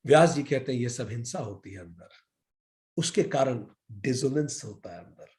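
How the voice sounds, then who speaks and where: A man's voice: mid-range voice, animated, normal speed, a little mellow. A man teaching a yoga class in a lecture style, asking his audience questions and acting out people's excuses in quoted voices.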